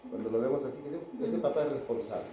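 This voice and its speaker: A man's voice: medium pitch, expressive, quick pace, mellow, reverberant, a little hiss or hum, low-quality recording. A man giving a pediatrics class lecture, chatting with students and asking them questions.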